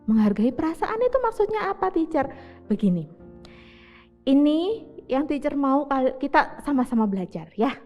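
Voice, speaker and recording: A woman's voice: high-pitched, moderate pace. A young woman teaching a children's lesson, acting out little dialogues between kids. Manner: lively, switches into child voices for examples. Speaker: Sunday school teacher. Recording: dull roomy recording with soft music.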